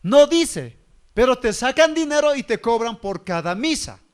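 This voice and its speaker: A male preacher with a noticeably high voice delivers his sermon. He keeps throwing rhetorical questions at the congregation and checks in with a quick "¿ya?" as he goes. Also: big pitch swings. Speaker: pastor.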